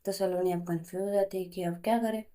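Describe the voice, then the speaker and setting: Mellow woman telling a story. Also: mid-range voice, steady tone, fast talker. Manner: plain, chatty retelling. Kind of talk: told story narration.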